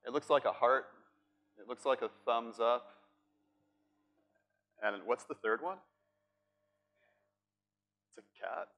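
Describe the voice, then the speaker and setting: On stage in a large conference room, a middle-aged Boston man with a Boston accent leads a playful, chatty workshop, putting questions to the audience. His voice is medium-pitched with a fairly bright tone.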